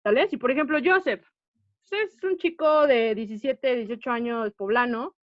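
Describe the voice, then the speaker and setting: A woman's voice: fairly high pitch, normal speed, no echo. A woman teaching an acting class, explaining patiently and often checking that the students follow. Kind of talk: online class lecture. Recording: dull, dry lo-fi audio.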